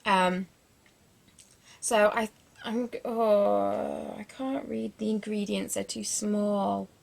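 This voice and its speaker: A beauty vlogger chats through a casual product review, her medium-pitched voice carrying vocal fry and a steady tone. She takes her time, rambling with plenty of fillers and restarts and tossing in self-deprecating asides.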